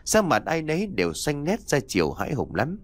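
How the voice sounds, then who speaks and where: Male storyteller, animated spooky reading, dry close mic. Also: a little high, a little fast, no echo. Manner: expressive, dramatic reading. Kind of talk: ghost story narration.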